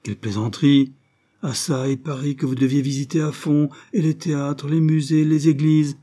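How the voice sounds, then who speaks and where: A man's voice: on the high side, very animated, normal speed, warm tone, breathy edge, pitched above the performer's own voice. A man reading the part of a cheerful, exclamatory male painter full of plans. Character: jovial, lively male painter, host friend.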